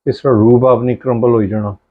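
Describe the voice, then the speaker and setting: A middle-aged man with a medium-pitched, flat delivery talks slightly fast as he casually demonstrates home cooking in his kitchen. He slips Punjabi-Urdu phrases into his relaxed chat, recorded in dull lo-fi quality at home.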